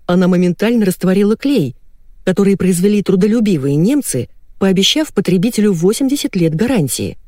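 A woman's voice: medium pitch, brisk, dry recording. A woman reads a first-person novel aloud with wry irony and a voice that rises and falls a lot. The recording is close and dry, with no room sound. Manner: ironic, lively storytelling. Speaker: audiobook narrator.

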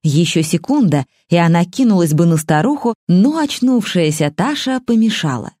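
A woman narrating an audiobook with an expressive, dramatic reading. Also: lowish voice, moderate pace, no echo, studio quality.

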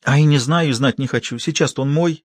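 A man reading an audiobook and voicing a tearful young woman nurse who begs softly and insistently. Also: mid-range voice, brisk, no echo, studio quality, voice pushed up, lightly acted. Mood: grateful. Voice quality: soft, pleading. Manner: begging and insistent. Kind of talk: audiobook character voice.

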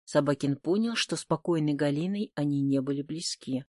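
A woman reading an audiobook voices a patient, weary male investigator asking quiet, persistent questions. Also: low voice, brisk, no room sound, studio quality, pitched below the performer's own voice. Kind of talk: audiobook character voice.

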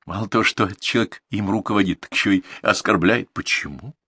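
A man narrating a novel as an audiobook, reading in an expressive storytelling manner. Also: fairly low pitch, quick pace, slightly rough, no room sound, clean studio sound. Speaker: audiobook reader. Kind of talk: scripted narration.

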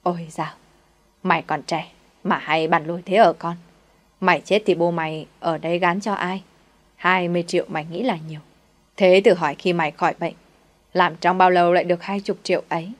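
A woman's voice: lowish voice, fairly even intonation, fairly quick, lightly acted. A woman voicing a greedy, scornful middle-aged female village shaman who sneers and scolds. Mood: coaxing.

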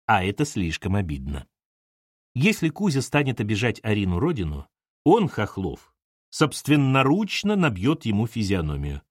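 A man's voice: lowish voice, huge pitch swings, moderate pace, no room sound, studio quality. A man reading an audiobook aloud, narrating expressively and acting out the dialogue. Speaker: audiobook reader.

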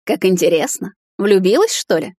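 A woman's voice: mid-range voice, expressive, normal speed, a little mellow, husky, dry recording, studio quality. A woman doing a cheeky, nervous young prince. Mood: tense. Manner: hissing, sarcastic.

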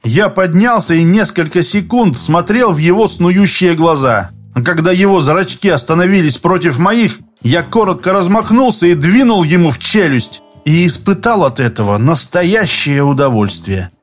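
A man's voice: high voice, lively intonation, moderate pace, soft background music. Man narrating an audiobook. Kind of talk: scripted narration.

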